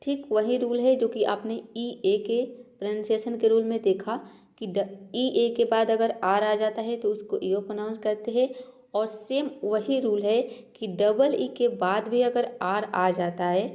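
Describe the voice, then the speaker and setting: A woman's voice: fairly high pitch, fairly even intonation, measured pace, mellow. A woman teaching a pronunciation lesson, explaining step by step and repeating each example patiently. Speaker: English teacher.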